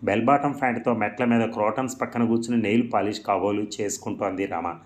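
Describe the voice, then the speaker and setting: Man, storybook narration, measured, reflective, low voice. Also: steady tone.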